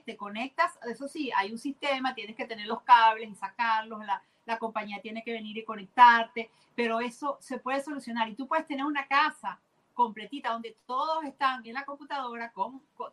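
Bright, earnest woman guest. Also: fairly high pitch, low-quality recording. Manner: earnest, explanatory, enthusiastic. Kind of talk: casual conversation.

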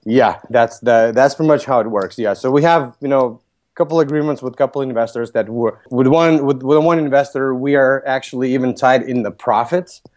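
A man's voice: medium pitch, fairly quick, a little mellow. Lithuanian-accented man, businesslike. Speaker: podcast guest, real estate broker. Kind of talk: interview answers.

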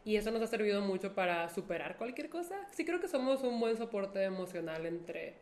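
A woman's voice: mid-range voice, big pitch swings, a little fast, a little mellow. A young woman with a Mexican accent, co-hosting a casual chat and telling stories in a candid, easygoing way. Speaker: podcast co-host.

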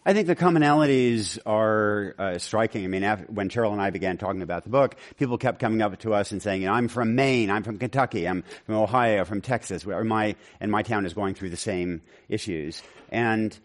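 A man answering interview questions as an author, in a measured way with frequent ums and restarts. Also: fairly low pitch.

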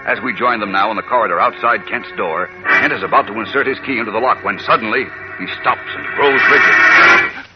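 A man's voice: lowish voice, a little fast. A man narrating as an old-time radio serial announcer, theatrical and suspenseful, building urgency. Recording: dull vintage radio recording, loud music.

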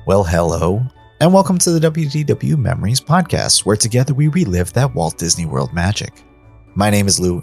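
Low-pitched, animated male podcast host. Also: husky. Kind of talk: scripted podcast narration.

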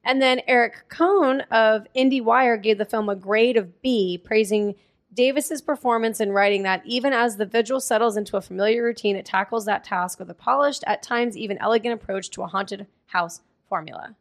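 A woman whose voice runs on the high side co-hosts a casual podcast at a moderate pace. She reads movie credits and critics' reviews aloud, laughing often.

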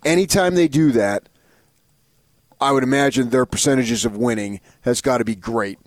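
A man's voice: mid-range voice, normal speed, no room sound, studio quality. A man co-hosting sports talk, giving conversational commentary and repeating phrases for emphasis. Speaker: sports radio co-host.

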